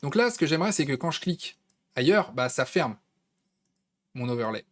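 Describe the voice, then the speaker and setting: A man's voice: fairly high pitch, lively intonation, brisk. A man with a French accent walking viewers through a design tool in a casual, conversational screen-recorded tutorial, with plenty of fillers. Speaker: tutorial host.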